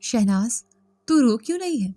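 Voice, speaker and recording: A woman's voice: fairly high pitch, lively intonation, warm tone, no echo, lightly acted. A woman voicing a worried middle-aged husband who scolds and fires off urgent questions in a storybook reading.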